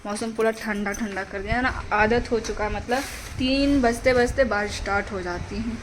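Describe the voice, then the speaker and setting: A woman's voice: fairly high pitch, steady tone, moderate pace. A young woman vlogger chatting casually and rambling through a family story. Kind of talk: casual family vlog narration. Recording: faint background noise.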